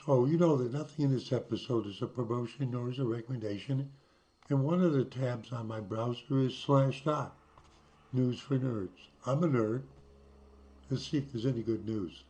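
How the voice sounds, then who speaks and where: A man with a hoarse voice from being sick, chatting casually and reading news aloud with wry asides. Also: medium pitch, dark tone. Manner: chatty, wry asides, slows down to read quotes. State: hoarse from illness. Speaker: vlogger.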